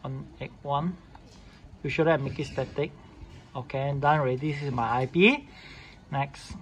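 Showing how to set up a device, this tutorial host speaks at normal speed in a medium-pitched, fairly bright voice. The demonstration is unscripted and informal, delivered step by step in repetitive, clipped, non-standard English. Noise in the room is clearly audible.

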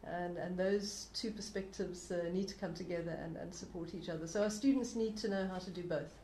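A woman's voice: lowish voice, fairly even intonation, a little fast, dark tone. A woman answering on a panel discussion, thoughtful and repeating words as she goes, in an echoey lecture room. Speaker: panelist, academic. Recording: echoey room, faint hiss.

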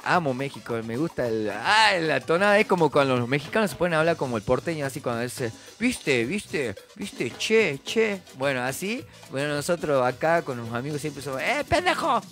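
A man's voice: medium pitch, expressive, fast, few pauses, a bit bright, soft background music. A man with a Salta Argentine accent, chatting casually on a live stream, reading out viewer comments and greeting people with jokes. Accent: Salta Argentine Spanish. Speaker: musician hosting a live stream.

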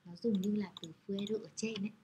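A woman's voice: mid-range voice, steady tone, brisk, mellow, a little hiss or hum. Patient woman explaining a kanji lesson. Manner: patient, explanatory, adds friendly particles. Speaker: Japanese kanji teacher. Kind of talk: explaining lesson over slides.

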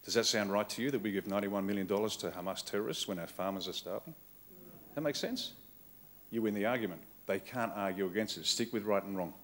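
A man's voice: on the low side, quick pace, fairly bright tone. Punchy Australian man giving a rousing speech. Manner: punchy, emphatic, short repeated phrases. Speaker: keynote speaker. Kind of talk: rousing political keynote speech. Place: conference hall stage. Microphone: podium microphone on a stand.

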